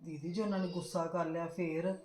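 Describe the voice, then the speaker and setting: A woman's voice: lowish voice, level tone, a little fast, a little mellow, echoey room, close to an everyday voice. A woman acting as a fretful mother in a family drama, pleading with her sister-in-law. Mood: anxious. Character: anxious, pleading mother of a married daughter.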